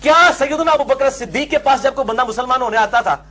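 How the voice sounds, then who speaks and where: High-voiced man lecturing emphatically. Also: fast, pushed and bright. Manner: emphatic, argumentative, often asks and answers his own questions. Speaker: religious lecturer. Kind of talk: religious lecture to an audience.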